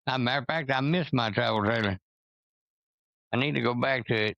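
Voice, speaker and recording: Man, gravelly, blunt, preachy, casual chat, lo-fi. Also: mid-range voice, brisk, fairly bright tone, no echo. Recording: dull, lo-fi sound.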